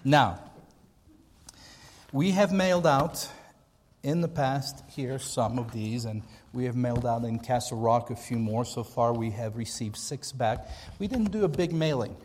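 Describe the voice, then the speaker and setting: American pastor talking in an echoey hall. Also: male voice, medium pitch, measured pace, darkish tone, breathy edge. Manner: conversational, emphatic repetition. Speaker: pastor, seminar speaker. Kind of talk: informal church training talk. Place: large hall, speaking to a group. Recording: echoey hall with long reverb.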